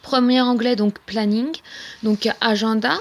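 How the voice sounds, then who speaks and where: A woman's voice: a little high, fairly even intonation, unhurried. A young woman showing her planner in a casual vlog, talking with many hesitations and fillers. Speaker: vlogger.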